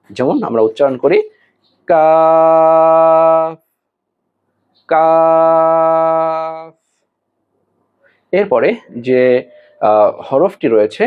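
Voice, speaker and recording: Slow, deliberate male Quran teacher. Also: fairly high pitch. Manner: slow and deliberate, with hesitation fillers, drawn-out model pronunciations. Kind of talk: online Arabic letter pronunciation lesson. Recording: tinny phone-like audio.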